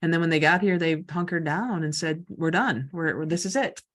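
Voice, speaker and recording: A woman's voice: low-pitched, a little fast, a bit bright. Reflective woman podcast host. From North Dakota. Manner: reflective, asks follow-up questions. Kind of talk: casual interview chat.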